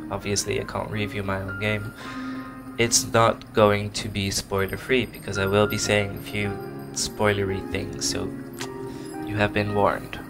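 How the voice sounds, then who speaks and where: Commentating his own game in a loose, rambling let's play, a Dutch man gropes for words now and then. His voice is on the low side and gravelly, captured by a desk microphone on his computer with game music behind him.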